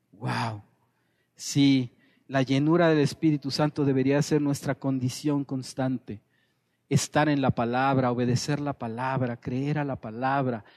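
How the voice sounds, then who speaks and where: A man's voice: fairly high pitch, darkish tone. A man preaching a sermon as pastor, earnest and repeating phrases for emphasis.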